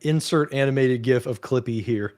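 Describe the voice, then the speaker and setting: A man hosts a casual chat on a video call, his mid-range voice at normal speed. He's relaxed and chatty, speaking easily and peppering his talk with "like" and "you know".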